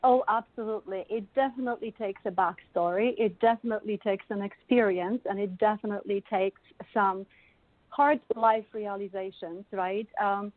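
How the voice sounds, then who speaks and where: A middle-aged Polish wellness coach with a Polish accent tells her life story in an interview, warm and laughing often, in a mid-range, steady voice at a moderate pace. The call audio is dry and tinny.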